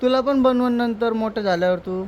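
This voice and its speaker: A man's voice: very high voice, a little fast, a little mellow, muffled recording, a little hiss or hum. Teasing male vlogger at home. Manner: teasing and cajoling. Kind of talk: casual family prank vlog. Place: indoors at home.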